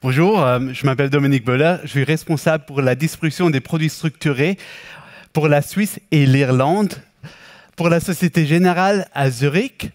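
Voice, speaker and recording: A man with a Swiss German accent mixed with Québécois and English influence gives an explanatory financial presentation as a product specialist, in a halting, self-correcting way. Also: a little high. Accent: Swiss German with Québécois and English influence, speaking French.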